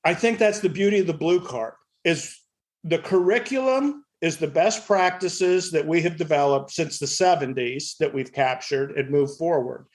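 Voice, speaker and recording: A man's voice: fairly high pitch, normal speed. A middle-aged or older man talking casually on a panel in a blunt, salty, joking way. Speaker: fire service podcast panelist.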